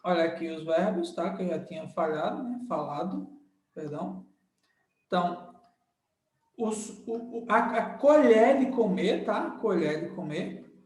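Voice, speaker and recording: A Brazilian Portuguese-speaking man teaching a grammar lesson, explaining slowly and repeating terms while checking understanding. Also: sits high, expressive, darkish tone. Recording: echoey room.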